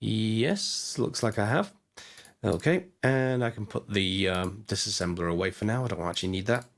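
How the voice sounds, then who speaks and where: A man with a hoarse voice, chatting casually as he narrates his gameplay, thinking aloud with lots of fillers. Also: on the low side, animated, normal speed. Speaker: gaming channel host. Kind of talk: casual let's-play commentary.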